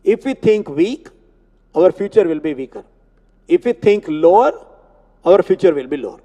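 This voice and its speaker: A man giving a spiritual discourse on scripture, explaining Sanskrit words slowly and repeating terms. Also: sits high, lively intonation, warm tone. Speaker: Gita teacher. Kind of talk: religious discourse. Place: temple hall. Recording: long hall reverb.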